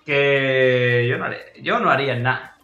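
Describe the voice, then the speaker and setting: Lisping Andalusian man, bright echoey voice. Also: medium pitch, normal speed, lo-fi sound, faint music behind. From Andalusia, Spain. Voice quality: lisping ceceo, s pronounced as th. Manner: joking, slangy. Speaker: podcast co-host. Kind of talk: casual comedic chat.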